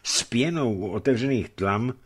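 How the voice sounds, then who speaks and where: A man narrating a novel in an expressive storytelling manner, recorded in a radio studio. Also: mid-range voice, husky. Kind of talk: audiobook reading of a novel.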